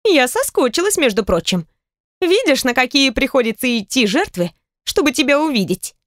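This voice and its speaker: A woman voicing a lively, bossy, caring middle-aged stepmother in an audiobook, high and animated in her scolding. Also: moderate pace, no echo, studio quality. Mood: teasing.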